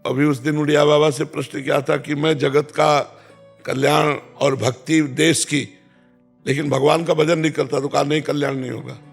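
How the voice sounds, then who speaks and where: A man, calmly answering devotional questions as a spiritual teacher and repeating key phrases. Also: on the high side, creaky, husky, faint music behind. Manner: calm, repeats key phrases, chants verses slowly.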